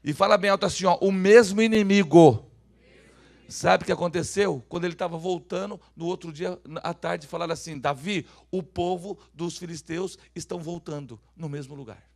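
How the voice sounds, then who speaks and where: A high-pitched male pastor from Brazil delivering a sermon. He drops to soft, low asides and then rises to loud, ringing calls for the church to repeat his words. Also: a little fast, creaky, few pauses. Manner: swings from hushed asides to shouted calls for the congregation to repeat.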